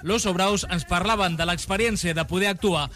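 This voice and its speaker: A man's voice: sits high, moderate pace, a bit bright, faint music behind. A man reading a scripted radio news report as presenter.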